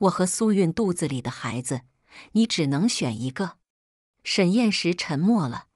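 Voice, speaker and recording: A woman reads a first-person melodrama in a steady, dramatic storytelling manner. Her voice sits a little low, and the recording is dry and close. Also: dry recording. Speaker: story narrator. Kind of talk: first-person audio novel reading.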